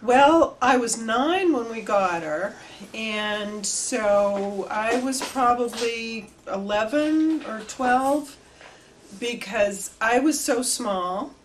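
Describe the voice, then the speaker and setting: A woman's voice: fairly high pitch, drawn-out words, a little hiss or hum. An older woman reminiscing in an interview, telling her story animatedly. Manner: animated storytelling, gestures with hands. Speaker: oral history interviewee. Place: indoor room before flags.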